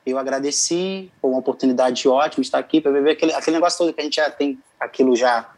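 Young male singer, interview guest, relaxed storyteller, mid-pitched voice, chuckles through his anecdotes. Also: very fast, poor audio. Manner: laid-back, laughs often while telling stories. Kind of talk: casual storytelling.

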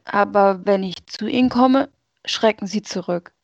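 A woman reading aloud as a sorrowful, rejected female personification of Sadness, in a slow and earnest way. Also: mid-range voice, vocal fry, dry recording, dull audio. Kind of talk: story reading.

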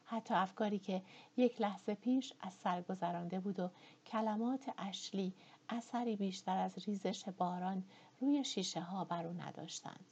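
A woman narrating a novel as an audiobook, in a dramatic, measured reading. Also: medium pitch, a little mellow, slightly rough, dull audio. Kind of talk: scripted narration.

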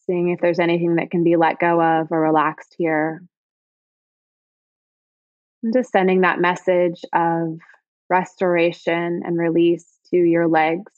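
A woman leading a guided body-scan meditation in slow, soft, soothing phrases. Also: on the low side, no echo, muffled recording.

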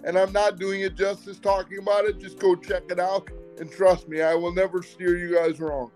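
High-voiced man, effusive guest. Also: level tone, normal speed, darkish tone, faint music behind. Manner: effusive, stammers with repeated restarts. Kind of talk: casual interview chat.

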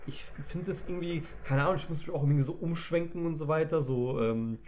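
A man's voice: a little high, fairly quick, darkish tone, a little hiss or hum. A young man chatting casually in heavy street slang, drawling and peppering his talk with fillers. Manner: slangy, drawling, fond of "Alter" and "Digga". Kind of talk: casual chat.

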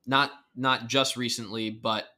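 A man co-hosting a sports podcast, his voice bright and forward. He talks stats in a casual, upbeat way. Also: mid-range voice, flat delivery, a little slow. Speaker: podcast co-host.

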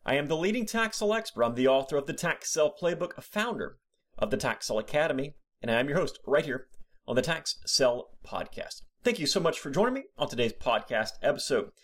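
A man's voice: a little high, very animated, brisk. A man hosting his own podcast, delivering a scripted solo monologue with emphatic, sarcastic turns. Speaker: podcast host.

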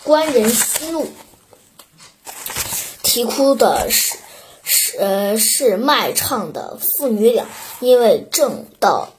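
A woman's voice: a little high, lively intonation, slow pace, slight background noise. A woman reading the lines of an anxious male tavern waiter who stammers, in a storybook reading.

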